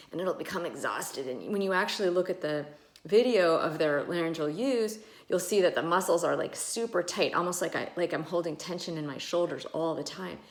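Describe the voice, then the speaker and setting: A woman ENT doctor explaining casually, with many fillers, who sometimes demonstrates how voices sound. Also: on the low side. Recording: echoey room.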